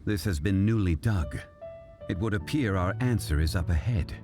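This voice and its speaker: Zhongli, a deep, stately scholar. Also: male voice, expressive, over music. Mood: grave. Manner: measured, formal, commanding. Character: composed, dignified male scholar of ancient lore. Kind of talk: video game dialogue.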